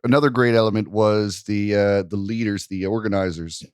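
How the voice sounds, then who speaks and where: Man, podcast co-host, easygoing casual chat, low pitch, dry sound. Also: steady tone, normal speed, a little mellow, smooth, no room sound. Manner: easygoing, chuckles between phrases.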